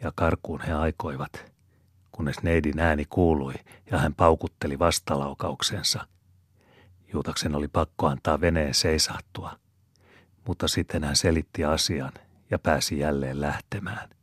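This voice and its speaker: Guy narrating an audiobook, steady reading, really deep husky voice. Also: no echo, studio quality. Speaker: audiobook reader. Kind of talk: narrating a novel aloud.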